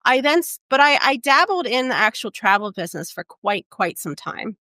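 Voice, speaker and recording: A woman in her forties, a travel advisor raised in Portugal, telling her career story in a relaxed interview with many "um"s and tag questions. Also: fairly high pitch, moderate pace, no room sound. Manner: reflective, storytelling, frequent "um" and "right?". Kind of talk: conversational interview.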